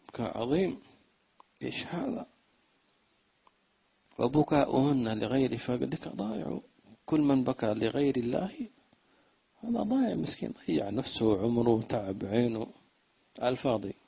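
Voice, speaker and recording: A man giving a religious lesson, chanting lines of verse slowly and then explaining them in quick, plain talk. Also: mid-range voice, gravelly, darkish tone, husky, rough recording. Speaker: religious teacher.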